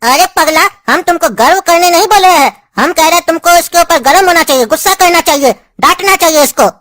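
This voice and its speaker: Cartoon brother-in-law, very high-pitched, ranting and insulting , voiced by a woman. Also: a little fast, fairly bright tone. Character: hotheaded younger brother-in-law, mama's boy.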